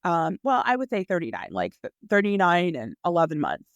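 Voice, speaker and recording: This fairly low female voice swoops wildly in pitch and moves a little fast, captured lo-fi with no room sound. She's a podcast host and dating coach in her forties, delivering a heartfelt, forceful faith-centered pep talk. Addressing the listener closely as "sis," she repeats lines to drive points home.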